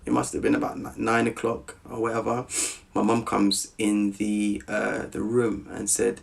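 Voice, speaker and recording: A guest on a podcast, a man from Southeast London with a South London accent, tells a personal story in an animated, casual way, often asking "you with me?" His voice is gravelly and fairly low, at normal speed.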